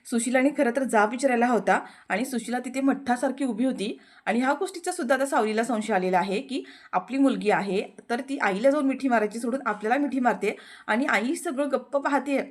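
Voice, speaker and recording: A woman's voice: a little high, a little fast. A young woman telling a TV serial's story as a chatty voice-over recap, talking to listeners like friends.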